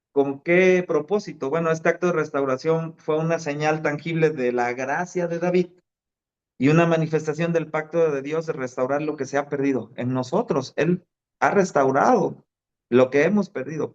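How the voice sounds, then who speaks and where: A man's voice: a little high, darkish tone, lo-fi sound. A man preaching a sermon, telling stories in a conversational way and dropping fillers. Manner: conversational storytelling with fillers like "este".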